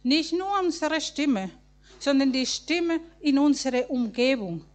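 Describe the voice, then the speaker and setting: Young woman preacher, high and unhurried, earnest sermon delivery with halting fillers. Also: lively intonation. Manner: earnest, halting with fillers and small grammar slips.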